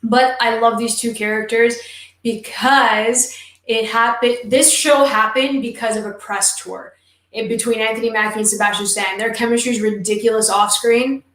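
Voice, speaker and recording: A woman co-hosting a casual show chat, talking with enthusiastic, emphatic warmth about a series she loves. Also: fairly high pitch. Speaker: podcast co-host. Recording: roomy echo.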